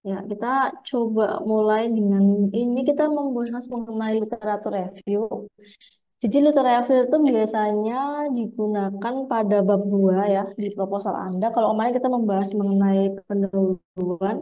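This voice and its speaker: A woman's voice: mid-range voice, normal speed. A woman lecturer with a cold giving an online class, explaining patiently with frequent fillers. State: has a cold. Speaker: university lecturer. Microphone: video call. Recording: tinny phone-like online call.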